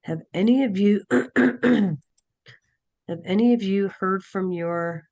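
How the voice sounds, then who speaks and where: Hoarse woman teacher with a cold, raspy, halting, thinks aloud mid-sentence, video-call class. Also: mid-range voice, darkish tone, muffled recording. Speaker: nursing class instructor. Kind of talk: online class session.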